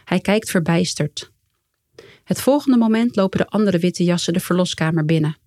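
A woman reading her own memoir aloud in a calm, measured way, quietly voicing the lines of the people in it. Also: lowish voice, no room sound, clean studio sound. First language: Dutch. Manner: calm, measured storytelling with quiet quoted dialogue. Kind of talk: first-person memoir reading.

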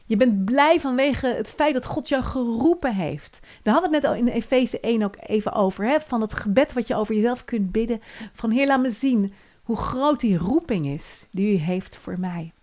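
Woman doing a devotional podcast, earnest and encouraging, goes soft and hushed a lot. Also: a little high, expressive, normal speed. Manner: earnest and encouraging, often dropping to a soft hush.

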